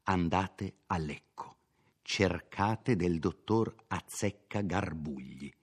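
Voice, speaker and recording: A man's voice: low-pitched, expressive, slow pace, breathy edge, heavily acted. A man reading a novel aloud, voicing an older peasant mother who gives homely, folksy advice in a chatty manner. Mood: advising.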